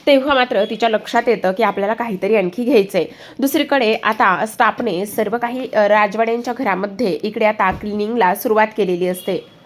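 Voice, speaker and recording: A woman's voice: mid-range voice, fairly quick. A woman narrating a television serial recap, with hesitant fillers and repeated linking phrases.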